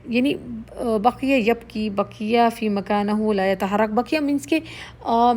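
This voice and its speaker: A woman with a slightly high, darkish voice teaches Arabic vocabulary, explaining words in Urdu mixed with English. She's patient, going over each word slowly and repeating it.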